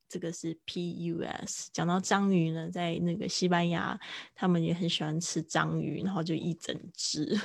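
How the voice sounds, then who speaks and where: A woman with a gravelly, slightly low voice runs a casual live-streamed English lesson. She chats along and repeats each word slowly to show how it is pronounced. The sound is dry, with no room echo. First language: Mandarin. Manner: chatty, repeats words slowly to model pronunciation. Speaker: English teacher.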